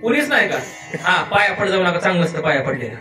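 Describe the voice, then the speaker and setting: Man, high voice, playful kirtan preacher, echoey far-off hall. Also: sing-song, fast talker. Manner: playful, teasing the audience with questions. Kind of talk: devotional kirtan sermon with storytelling. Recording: echoey and distant, live hall with music.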